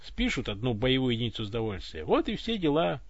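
A man voicing a rough-spoken space fleet pilot with a blunt, coarse manner, on a dull, dry recording. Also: medium pitch, very animated, fast talker, no echo. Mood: glum.

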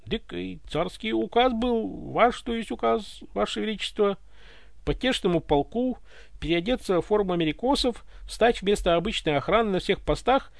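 A man voicing a meek, hulking palace guard who explains himself in a hurried, apologetic way, as in an audiobook. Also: high-pitched, lively intonation, vocal fry, no echo, voice pushed up. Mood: sheepish. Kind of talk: audiobook character voice.

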